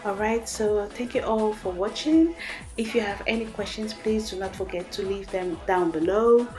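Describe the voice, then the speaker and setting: Soft music plays behind a woman whose medium-pitched, darkish voice moves at a moderate pace. With a French accent, she hosts a cooking channel and narrates a recipe in a chatty, encouraging manner, addressing viewers as guys and friends.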